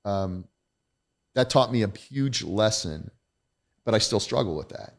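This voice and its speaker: Middle-aged male guest, gravelly voice, candid, emphatic storyteller. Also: on the low side, lively intonation, measured pace. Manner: emphatic, blunt, self-deprecating. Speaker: podcast guest, retired federal agent.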